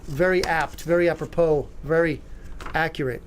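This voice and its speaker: A man's voice: on the high side, fairly even intonation, normal speed, slight background noise. A man hosting a talk show, giving opinionated commentary with sarcastic, mocking asides and rambling restarts. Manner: rambling, with many fillers and restarts.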